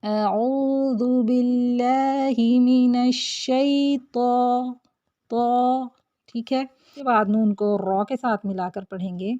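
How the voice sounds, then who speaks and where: A woman's voice: mid-range voice, a little mellow. A woman teaching Quran recitation, patiently drawing out syllables one by one to show how they are said. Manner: patient, slow drawn-out syllable demonstrations. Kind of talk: tajweed lesson. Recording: dull lo-fi recording.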